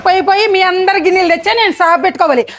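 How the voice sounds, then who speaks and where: A woman's voice: extremely high pitch, rapid-fire, fairly bright tone, a little hiss or hum. A woman playing a melodramatic, scolding mother in a scripted comedy sketch. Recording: music playing underneath.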